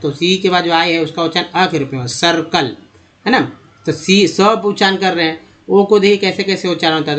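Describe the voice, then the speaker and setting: A man teaching English pronunciation over a screen lesson. He talks slowly, spelling out letters and repeating words. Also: sits high, fairly bright tone. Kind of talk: screen-based spoken lesson.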